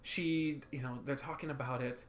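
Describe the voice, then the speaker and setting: A man's voice: mid-range voice, moderate pace. A man co-hosting a podcast, chatting casually and at length about a cartoon episode, acting out lines from it. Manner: rambling, animated, acts out quotes. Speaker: podcast co-host.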